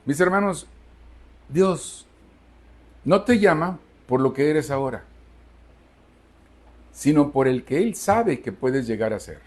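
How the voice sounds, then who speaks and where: Speaking slowly with long pauses, this Mexican man in his sixties uses a fairly high voice with lively intonation. As pastor, he gives an emphatic Sunday sermon, questioning the congregation and answering for them.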